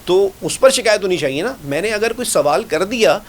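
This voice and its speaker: Animated man, podcast host. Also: sits high. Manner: animated, mimics shouting bosses, joking asides. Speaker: podcast host, former news anchor. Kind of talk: casual podcast conversation.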